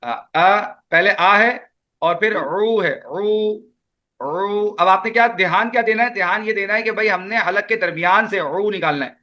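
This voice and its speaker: Pakistani urdu accent guy teaching tajweed online, high bright voice, says each sound slow so students repeat. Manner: patient, repeats sounds slowly for students to echo. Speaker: Quran recitation teacher. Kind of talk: online class instruction.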